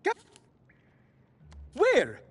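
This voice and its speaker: An actor playing a lonely, jittery male prisoner in a video game, raspy and rambling with nervous eagerness. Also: very slow. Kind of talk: video game character acting.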